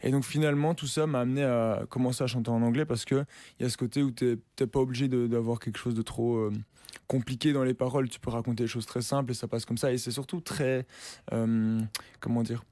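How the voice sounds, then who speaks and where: Here a young man, a musician on an interview, talks at a quick pace in a medium-pitched voice. His casual, slangy delivery is crowded with fillers and restarts, captured in a dry recording.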